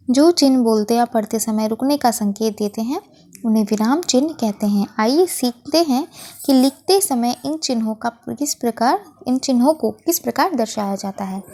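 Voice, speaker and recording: This teacher, a woman with a higher-pitched, dark-toned voice, takes children step by step through a worksheet with patience. She goes slowly and keeps fixing her own wording as she goes.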